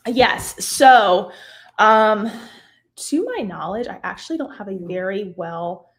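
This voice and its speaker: Hoarse-edged woman hosting a live tutorial. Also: medium pitch, slow. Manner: chatty, filler-heavy, explains step by step. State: losing her voice, clearing her throat. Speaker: craft software instructor, livestream host. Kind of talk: casual live software tutorial.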